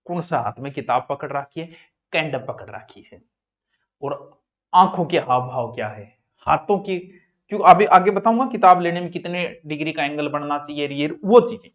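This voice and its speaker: A man teaching an exam coaching class in a lively, joking way, often moving between loud and soft speech. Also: fairly high pitch, normal speed, dull audio.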